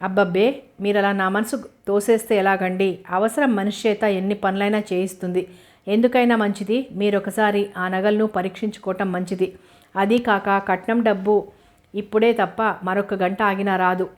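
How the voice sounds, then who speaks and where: A woman's voice: mid-range voice, fairly even intonation, moderate pace, close to an everyday voice. A woman voicing a spiteful, scheming middle-aged village man who talks in a gossiping, sneering way. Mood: insinuating.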